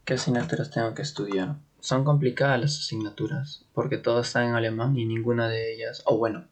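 A young man from Peru, talking casually in an interview. He hesitates and hunts for words, with frequent little laughs, at an ordinary pitch for a man. His delivery is relaxed and unhurried. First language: Spanish. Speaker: interview guest, trainee in Germany.

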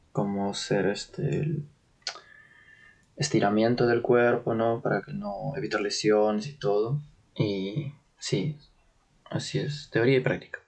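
A young man from Peru speaking Spanish in a casual interview, often pausing to search for words and laughing lightly as he explains his training. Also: fairly low pitch, flat delivery, gravelly, darkish tone. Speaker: interview guest, trainee in Germany.

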